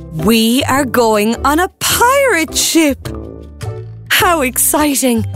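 Lively woman leading a kids' story. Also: a little high. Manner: animated, encouraging, speaks straight to the child. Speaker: children's activity presenter. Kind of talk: interactive storytelling for young children.

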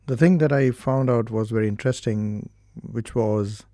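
Indian-accented man with a gravelly voice. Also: on the low side, warm tone, no echo, studio quality. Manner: measured, explanatory, with hesitations. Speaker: doctor and therapist. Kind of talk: studio interview.

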